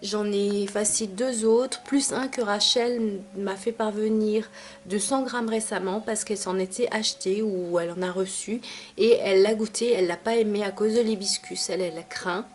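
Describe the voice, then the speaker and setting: A woman's voice: mid-range voice, fairly even intonation, normal speed, a little hiss or hum. A young adult woman reviewing teas she has finished, chatty, with many fillers and asides. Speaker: tea vlogger. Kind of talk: casual product review.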